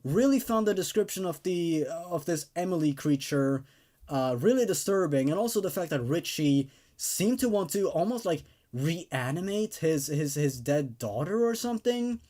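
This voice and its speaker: This man hosts and reads for an online horror story show, shifting between relaxed commentary and reading tales aloud. His voice is fairly high and expressive, with a dark tone, and he speaks at a normal speed.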